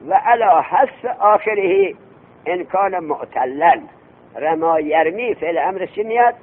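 A man teaching a classroom lecture on Arabic grammar, telling an anecdote, quizzing his students and chanting the text slowly. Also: high voice, expressive. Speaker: religious seminary teacher. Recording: tinny lo-fi lecture recording with hum.

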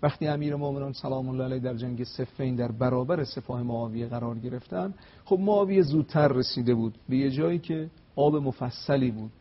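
A man, a religious scholar on a talk show, telling religious history in an emphatic, storytelling way, slowing to recite Arabic phrases. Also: mid-range voice, muffled recording. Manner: emphatic, rising to stressed peaks, slows to recite Arabic.

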